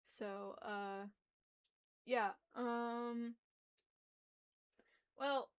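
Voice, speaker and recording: A woman's voice: fairly high pitch, fairly even intonation, extremely slow, smooth. A young adult woman who reads a story and chats on a livestream, hesitant and apologetic, speaking through a locked jaw with slightly muffled articulation. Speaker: reader and host of a livestream. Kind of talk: reading a story aloud, informal livestream chat.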